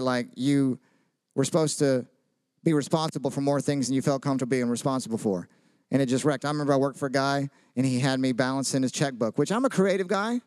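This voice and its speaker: A man in his 30s preaches a casual sermon filled with jokes, personal stories and questions for the audience, keeping it chatty. His voice is mid-range, captured in a dry, clean studio recording.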